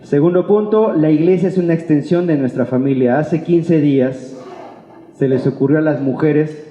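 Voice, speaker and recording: A warm-toned, slightly high voice at normal speed belongs to a pastor with a Mexican Spanish accent. Preaching casually to a church congregation, he stays playful and colloquial, acting out imagined remarks and throwing in rhetorical questions. Recorded in a reverberant church hall, the audio is dull and echoey, with long reverb.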